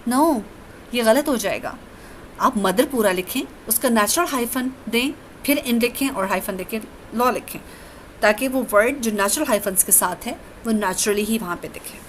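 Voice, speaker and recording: A woman's voice: a little high, normal speed, slight background noise, poor audio. A woman teaching an English lesson, explaining each rule step by step with patience. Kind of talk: recorded classroom lecture.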